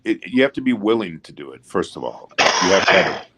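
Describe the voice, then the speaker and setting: A man in his fifties speaking in casual chat, giving measured, encouraging advice. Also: deep voice, sing-song, a bit bright, husky. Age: 50s.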